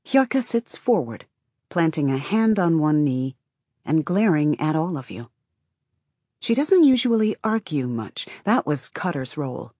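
Woman, audiobook narrator, dramatic fiction reading, low pitch, husky edge. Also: sing-song, unhurried, a little mellow, no room sound.

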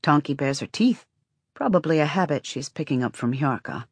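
A woman's voice: low-pitched, lively intonation, normal speed, breathy edge, dry recording. A woman reading scripted fiction as an audiobook narrator, with dramatic delivery.

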